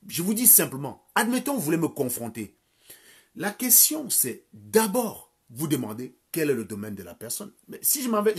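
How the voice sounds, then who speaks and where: Husky man ranting with scorn. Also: high voice. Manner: insulting, crude, scornful rant. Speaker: livestream commentator. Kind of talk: ranting live stream monologue.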